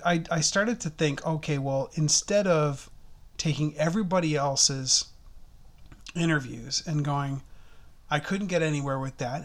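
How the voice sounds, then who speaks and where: A man co-hosting a podcast in casual chat, rambling and laughing often as he talks. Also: fairly high pitch. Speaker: podcast co-host. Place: Toronto, Canada.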